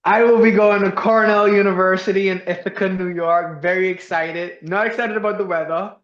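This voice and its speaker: Young man from the Bahamas, earnest vet student guest, fairly high voice, roomy dull lo-fi sound; casual interview. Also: steady tone, fairly quick, a bit bright. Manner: earnest, uses many fillers like "like".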